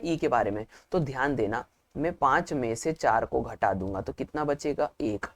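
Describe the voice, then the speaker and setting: A male teacher giving a math lesson for exam prep, explaining step by step and asking questions aloud that he then answers himself. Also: fairly high pitch. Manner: explains step by step, repeating key points.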